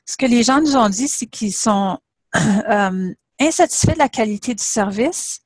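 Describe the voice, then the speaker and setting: A middle-aged woman, a university professor, presents a webinar in a mid-range voice on a dry recording. She sets her points out in order, explaining them in a measured manner.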